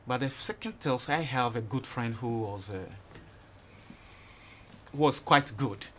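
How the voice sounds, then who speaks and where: Being interviewed in a TV studio, a Ghanaian guest in his twenties rambles on, frequently dropping "you know" and "you understand." He takes it slowly in a mid-range, slightly bright voice, with a little hiss or hum on the recording.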